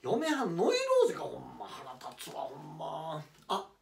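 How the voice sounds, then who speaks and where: 男性が演じる 関西弁の労働者ファン。声を張り上げ、抑揚が激しく上下し、ざらついた声。響く部屋でマイクから少し離れた録音。. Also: male voice, a little high, moderate pace, gravelly, a little hiss or hum, full character voice. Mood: excited. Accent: Kansai. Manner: loud, excitable, shouting at times. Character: excitable Kansai laborer fan, man, devoted. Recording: roomy, distant mic.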